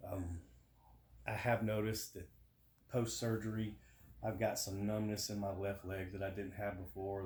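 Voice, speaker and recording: A man's voice: fairly low pitch, a little mellow. A man chatting casually to camera in a plain-spoken, matter-of-fact way, as in a personal vlog update. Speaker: vlogger giving a surgery recovery update. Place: indoors at home. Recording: roomy home echo with faint noise.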